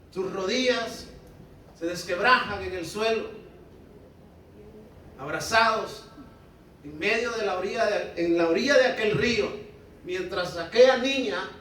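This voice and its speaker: A man's voice: sits high, pushed and bright, very echoey, distant mic, slight background noise, low-quality recording. A male pastor preaching a sermon in a conversational way, often asking the congregation to respond. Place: church hall.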